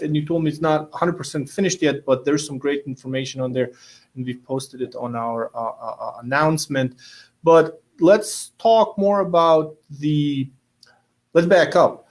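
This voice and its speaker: A man hosting a casual interview, speaking loosely with frequent restarts and repeated words. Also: a little high. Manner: relaxed, hesitant, repeats words. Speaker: host.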